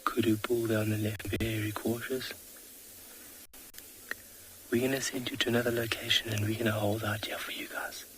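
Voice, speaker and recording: Safari guide, man, low and even, hushed whisper outdoors with steady ambient noise. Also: normal speed, pauses often. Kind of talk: whispered live wildlife commentary. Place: outdoors at a watering hole.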